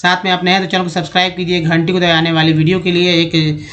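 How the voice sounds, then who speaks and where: Male tutor, slightly high voice, patient repetitive explainer, spells words out letter by letter. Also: little pitch movement, quick pace, a bit bright, muffled recording. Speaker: English teacher. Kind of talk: Hindi video lesson on English vowel sounds.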